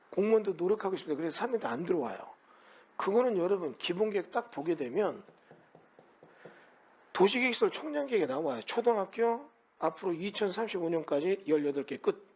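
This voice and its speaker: Animated husky male real estate lecturer. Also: high voice. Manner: animated, asks students many rhetorical questions. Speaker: real estate law instructor. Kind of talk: lecture to students.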